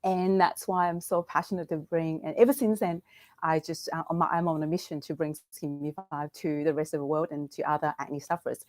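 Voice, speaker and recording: A woman's voice: deep voice, steady tone, fairly quick, dry recording, clean studio sound. A middle-aged woman hosting a live online Q&A, talking with many fillers and restarts. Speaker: brand founder and host.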